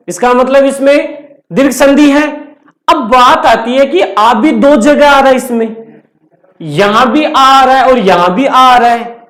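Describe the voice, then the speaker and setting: Male teacher going slow thru a grammar lesson, keeps repeating, asks the class stuff then answers, echoey room. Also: very high voice, a bit bright. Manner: slow, step-by-step, repetitive explaining with questions to the class. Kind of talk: classroom lecture at a board.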